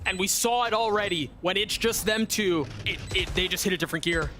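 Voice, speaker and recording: A man doing live esports play-by-play as a caster, with a delivery that builds to excited shouts. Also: sits high, brisk, background noise. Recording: loud music and game gunfire behind.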